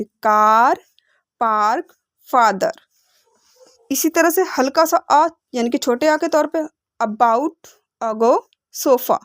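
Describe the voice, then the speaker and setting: A woman teaching English phonics, explaining patiently, repeating words slowly and asking rhetorical questions. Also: high-pitched, dry recording, clean studio sound. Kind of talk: explanatory lesson.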